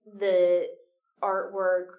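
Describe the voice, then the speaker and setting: A woman's voice: lowish voice, monotone, extremely slow, muffled recording. A woman co-hosting a casual podcast chat, tired and yawning, chatty with frequent laughs and fillers. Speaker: podcast co-host, theater director.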